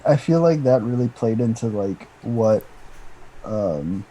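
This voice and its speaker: Mellow-voiced, sarcastic man on a podcast. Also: on the low side, animated, slow pace, slight background noise, rough recording. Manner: laid-back, joking, sarcastic asides. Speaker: podcast co-host. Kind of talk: casual chat.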